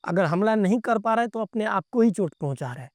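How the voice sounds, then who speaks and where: High-voiced man telling a story casually. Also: expressive, fast talker, dry recording, clean studio sound. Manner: repeats phrases, plain conversational retelling. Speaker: podcast guest. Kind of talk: casual first-person storytelling.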